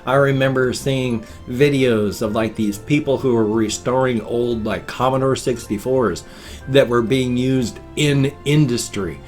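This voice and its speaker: An older man hosts a rambling morning vlog from his desk in a small room at home, folksy and meandering in manner. His mid-range voice moves at a measured pace and sounds nasal and congested with a slight wheeze, with faint music behind him.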